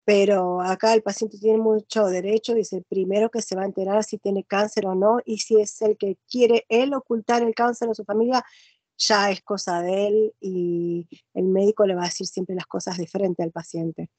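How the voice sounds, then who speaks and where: A woman's voice: medium pitch, fairly even intonation, moderate pace, warm tone, dry recording. A middle-aged woman with an Argentine Spanish accent, explaining things in a conversational way. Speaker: nurse working in Belgium.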